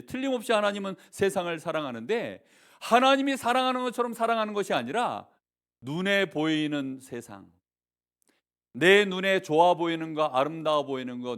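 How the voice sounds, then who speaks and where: Male youth preacher with a sermon delivery, fairly high voice, keeps quizzing the crowd. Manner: lively, keeps asking the listeners questions.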